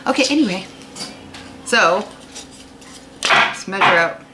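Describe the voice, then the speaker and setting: An American fifth-grade teacher leads a read-aloud lesson for children, explaining things informally and asking her young listeners questions. Her medium-pitched voice is animated and unhurried, and the recording is very noisy.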